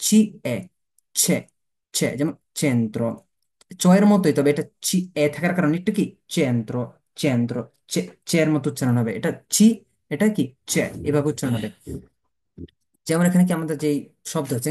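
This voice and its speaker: A man's voice: a little high, mellow, breathy edge. A man teaching a beginner language lesson, asking rhetorical questions and answering them himself, spelling words out letter by letter.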